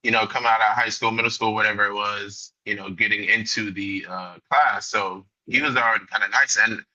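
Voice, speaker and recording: A man's voice: on the low side, steady tone, a little fast, bright, forceful tone. A man co-hosting a podcast, rambling easily through anime talk. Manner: easygoing, rambling with "you know" fillers. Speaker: podcast co-host. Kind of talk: casual anime chat. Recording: dull lo-fi mic.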